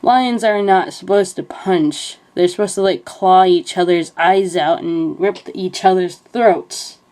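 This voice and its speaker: A woman's voice: on the low side, unhurried, a little mellow. A young woman chatting casually in a meandering way, filling her talk with "like" as she retells movie scenes. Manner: meandering, heavy use of filler "like". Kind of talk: casual rambling commentary.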